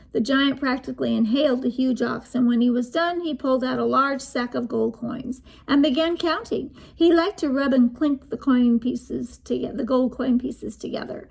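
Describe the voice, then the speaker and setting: Female storyteller, high voice with vocal fry, lively read-aloud for children. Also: a little slow. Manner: lively, inviting the listeners to join in.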